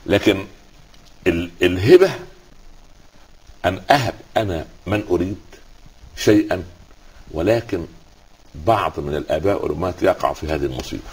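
Husky low-voiced Egyptian scholar. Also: male voice, expressive, normal speed, long pauses, darkish tone. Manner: rhetorical questions, quotes scripture. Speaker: Islamic scholar guest. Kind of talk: religious talk with storytelling.

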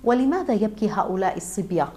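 A gentle, earnest caliph of old in a storybook tale, humble and devout, as a woman storyteller reads his words. The voice sits at an ordinary middle pitch and stays close to the narrator's own. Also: expressive, quick pace, natural voice.

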